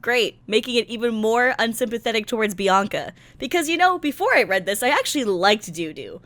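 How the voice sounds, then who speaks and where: Expressive and fairly quick, a woman with a slightly high, fairly bright voice recaps a visual novel as a content creator. She's casual and slangy, adding sarcastic, exasperated asides and theatrical emphasis, with no room sound.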